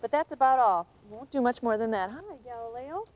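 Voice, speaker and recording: A woman working as a wolf handler, calmly and patiently explaining what she does during an educational broadcast. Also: on the high side, fairly quick. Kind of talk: educational live broadcast demonstration.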